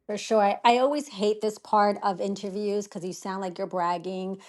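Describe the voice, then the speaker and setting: A woman's voice: mid-range voice, steady tone, moderate pace, a little mellow. Woman guest, interior designer, casual interview, modest, rambling, talks over a remote line. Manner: modest, chatty, many "you know" fillers. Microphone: phone or remote line.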